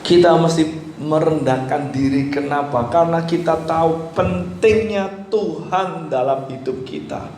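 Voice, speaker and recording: A male pastor preaching an animated sermon, swinging between loud and hushed, now and then mimicking pleading voices. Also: on the high side, measured pace. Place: church hall. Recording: very echoey church with faint background noise.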